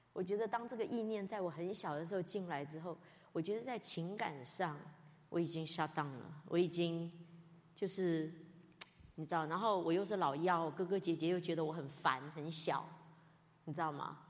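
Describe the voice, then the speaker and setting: A woman pastor delivers a sermon in a slightly low voice, candid and self-mocking as she tells stories from her own life. Her voice rings with the long reverb of a church hall.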